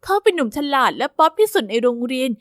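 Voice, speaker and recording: A woman narrating a first-person story with a steady, even storytelling delivery. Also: sits high, rapid-fire, no echo, studio quality.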